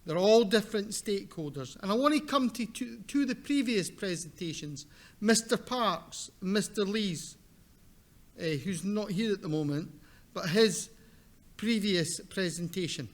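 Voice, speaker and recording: High-pitched, slow-talking man with broad Scottish accent. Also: animated. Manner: deliberate, direct, emphatic with repetition. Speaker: seminar presenter, academic. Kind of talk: conference presentation.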